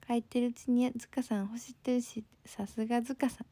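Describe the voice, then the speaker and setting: Chatting casually on a live stream, a bubbly young woman with a Kansai accent reads comments and repeatedly thanks her viewers, sounding a bit sleepy. She speaks a little fast in a fairly high, mellow voice with fairly even intonation, recorded dry.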